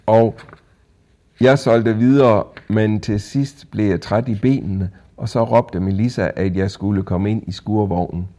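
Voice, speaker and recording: A man reading a first-person children's story aloud in a calm, even storytelling manner. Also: lowish voice. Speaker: audiobook narrator.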